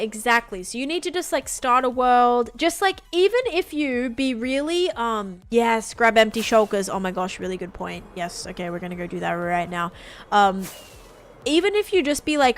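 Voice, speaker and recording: A young woman streaming a game live, chatting casually, answering her chat and getting excited over finds. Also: on the high side, a little hiss or hum.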